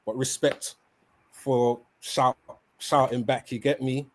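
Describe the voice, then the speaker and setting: A male podcast host speaks in a London roadman accent. His delivery is casual and packed with street slang, often tagging questions onto his phrases. His voice sits at an average pitch. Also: fairly even intonation, slow pace. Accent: London roadman, Multicultural London English. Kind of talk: casual slangy football chat.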